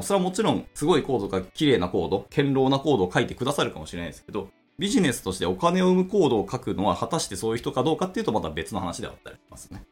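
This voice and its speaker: Male solo podcast host, 30s, rapid, animated delivery full of fillers; faint music bed. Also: lowish voice. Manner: rambling, thinking aloud with many fillers. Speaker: podcast host, programming instructor. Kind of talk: casual solo podcast talk.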